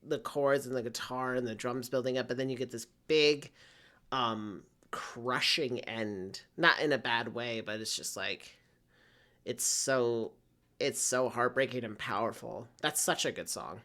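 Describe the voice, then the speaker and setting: A man's voice: medium pitch, a little slow, sharp tone. A young man giving a casual music reaction, enthusiastic and rambling with lots of fillers. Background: faint music playing.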